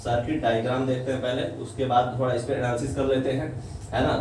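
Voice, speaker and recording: A man's voice: mid-range voice, flat delivery, fast, darkish tone, slight background noise. Echoey far-off male physics teacher. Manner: explains step by step, keeps asking "है ना?". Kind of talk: classroom lecture. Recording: echoey room, voice from far off, faint ambience.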